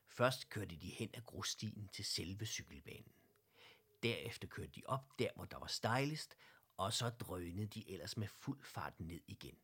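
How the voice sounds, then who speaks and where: A man with a Danish accent narrating a children's storybook in a gentle, even way. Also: fairly low pitch, slightly rough.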